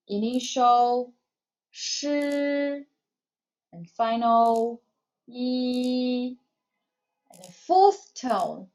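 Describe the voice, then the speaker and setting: A woman with as her leads a beginner lesson in English, her voice a touch high and her pace very unhurried. She talks clearly and keeps encouraging the learners. The recording sounds somewhat dull and lo-fi. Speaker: Chinese teacher. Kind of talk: scripted language lesson.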